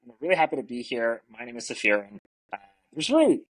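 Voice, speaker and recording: A middle-aged Canadian man whose native language is French talks earnestly and reflectively as a podcast guest, using lots of fillers in casual interview conversation. His mid-range voice is sing-song and fast, captured on a podcast mic in a low-quality recording.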